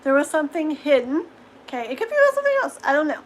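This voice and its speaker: A woman with a high, light voice gives a tarot reading on a live stream. She talks in a chatty, reassuring way, checking in with "okay?" after each point and laughing easily. A faint room hiss sits under her voice. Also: very animated, very fast, poor audio. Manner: chatty, reassuring, full of "okay?" tags and giggles. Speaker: tarot reader.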